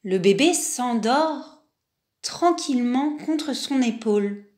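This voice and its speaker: A woman narrating a children's picture book in an unhurried way, adding sighs and little exclamations. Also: fairly high pitch, animated, darkish tone. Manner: unhurried, with sighs and spoken interjections. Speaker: storyteller.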